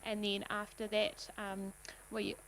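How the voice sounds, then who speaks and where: A New Zealand woman on the council staff briefs the meeting in a polite, measured tone. Her mid-pitched voice has a strong gravelly fry, and faint hiss sits under the recording. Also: completely flat delivery, a bit bright, poor audio.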